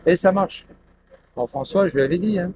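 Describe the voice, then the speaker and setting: A man's voice: high-pitched, normal speed, background noise. A man chatting loosely to his live stream viewers on a headset, rambling and laughing often.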